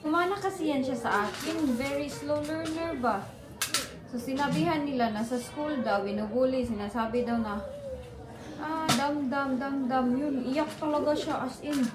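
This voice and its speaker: A pregnant mother tells family stories in a casual, chatty vlog while out walking with her kids. Her voice sits high, and she switches easily between languages. The recording is echoey and buried under loud outdoor noise. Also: normal speed. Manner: chatty, storytelling, mixes languages. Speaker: vlogger mother.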